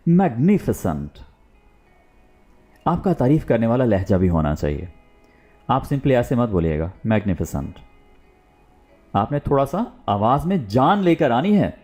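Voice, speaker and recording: Male English tutor, lively up-and-down delivery, mellow tone, repeats drill words with exaggerated stress, faint music behind. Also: mid-range voice. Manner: repeats example words for the listener to copy, with exaggerated intonation. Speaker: English teacher. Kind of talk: online language lesson.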